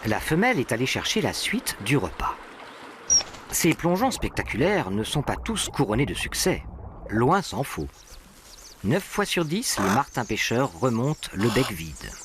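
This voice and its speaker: A man narrates a nature documentary in a scripted, storytelling register. His mid-pitched voice moves through a lively range of intonation, with clear bird and animal ambience behind it. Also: a little slow, noisy background. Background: birdsong and natural ambience.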